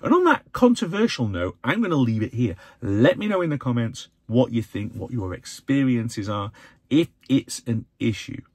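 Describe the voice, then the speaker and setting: English guy in his 40s ranting to his phone in the car, bit husky, close dry sound. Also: moderate pace, no room sound. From England. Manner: animated, opinionated, swings pitch up for emphasis. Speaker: vlogger, channel host. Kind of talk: casual to-camera vlog. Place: inside a parked car. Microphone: phone or camera held close in front.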